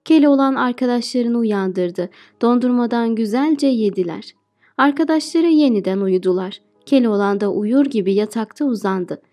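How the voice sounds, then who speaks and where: A woman teacher narrating a folk tale audiobook in a steady, clear reading voice. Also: on the high side, moderate pace, faint music behind. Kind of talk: storybook narration.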